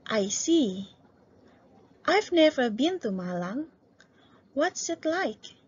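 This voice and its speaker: Woman reading a friendly young traveller, high, breathy voice, slow, dull lo-fi recording. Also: full character voice. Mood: pleased. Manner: polite, even textbook dialogue. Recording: dull lo-fi sound.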